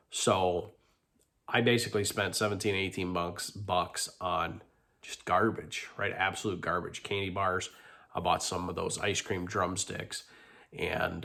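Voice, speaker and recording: This deep, creaky voice belongs to a middle-aged vlogger with a congested nose, sounding bright and forceful. He rambles candidly through a confession, restarting often and filling gaps with ums.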